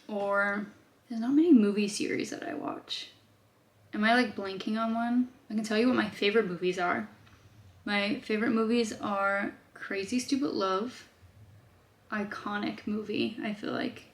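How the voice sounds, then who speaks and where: A chatty young woman from Australia, answering viewer questions in a relaxed vlog at home. Her pitch sits mid-range, she leans on fillers as she thinks aloud, and her voice rings with a roomy echo. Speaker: vlogger.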